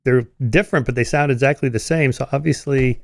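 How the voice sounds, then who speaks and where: A man's voice: mid-range voice, fairly quick, gravelly, dry recording. A man from California hosting a podcast interview, curious and asking follow-up questions with a few stammers. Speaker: podcast host.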